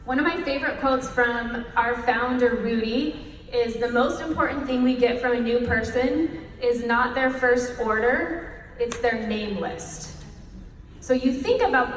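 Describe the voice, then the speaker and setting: A woman with a fairly high voice hosts a breakout session, addressing the audience in an upbeat, motivational presentation. She's recorded from a distance in a large, echoey hall, with a little hiss or hum.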